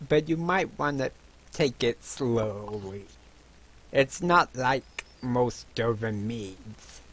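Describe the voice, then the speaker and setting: A man's voice: mid-range voice, animated, takes it slowly, fairly bright tone. Man playing a hearty dwarf innkeeper. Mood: friendly. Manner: hearty, calls guests "lad". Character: friendly male dwarf innkeeper brewing his own mead.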